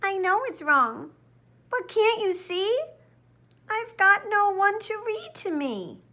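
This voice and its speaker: Frau spielt ein kleines trauriges Wesen, sehr hohe Stimme. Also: female voice, extremely high pitch, big pitch swings, takes it slowly, pushed and bright, voice pushed up, heavily acted. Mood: sad, pleading. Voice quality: little voice. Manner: mournful, mumbling. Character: small, sorrowful, apologetic male book-stealing creature.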